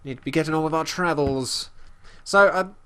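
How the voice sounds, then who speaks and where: A man casually commenting on his gameplay as host, talking about his character in third person with halting restarts and fillers. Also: fairly high pitch, pushed and bright, clear, resonant tone. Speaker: let's play host.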